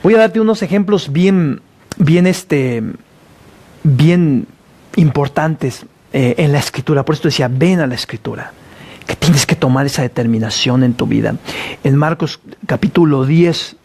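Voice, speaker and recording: A pastor preaching a sermon at a church service, reading scripture aloud with fervent conviction. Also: male voice, a little high, a little slow, darkish tone.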